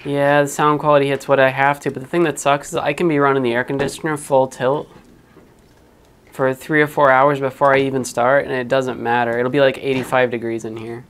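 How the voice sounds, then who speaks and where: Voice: mid-range voice, clean tone. A live-streamer chatting casually while wiring a 3D printer in a small hot room at home, muttering to themselves and swearing now and then. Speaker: livestreamer building a 3D printer.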